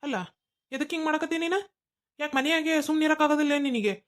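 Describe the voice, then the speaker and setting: A harried village husband stuck between his wife and his mother in a cartoon comedy, as a woman voices him. He talks fast and high, pleading and scolding in a North Karnataka Kannada accent. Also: lightly acted. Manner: exasperated pleading.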